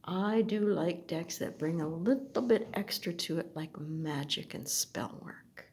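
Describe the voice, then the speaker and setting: A woman slowly looking through an oracle deck, speaking softly and at times dropping to a whisper. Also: on the low side, a little hiss or hum. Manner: soft, slow, gently admiring, drifts into whispers. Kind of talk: slow unboxing commentary.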